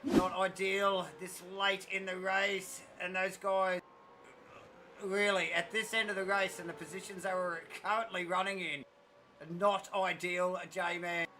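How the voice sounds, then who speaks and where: A man's voice: sits high, level tone, unhurried, bright, forceful tone, slight background noise. A man doing live sim racing commentary in a chatty way, often handing questions to his co-commentator.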